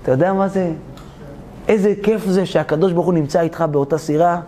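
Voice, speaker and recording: A rabbi tells a parable in an animated, theatrical way. His voice sits high for a man and jumps between exclamations and asides, with a faint hiss behind it. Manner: animated, theatrical storytelling, addresses the audience directly. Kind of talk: storytelling sermon.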